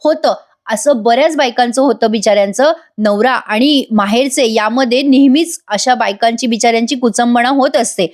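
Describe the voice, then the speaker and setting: A woman with a high voice retells a TV episode in voice-over. She is chatty and keeps turning to address her viewers directly. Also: normal speed, hardly any pauses, darkish tone. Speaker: serial review narrator.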